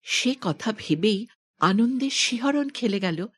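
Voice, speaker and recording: A woman's voice: a little high, lively intonation, slow, a bit bright, slightly rough. A woman reading scripted narration as a voice-over artist.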